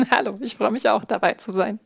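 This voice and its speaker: A woman's voice: a little high, moderate pace, vocal fry, crowd noise. A woman answering as an interview guest, explaining formally in long, structured, articulate sentences. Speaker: interview guest, event managing director.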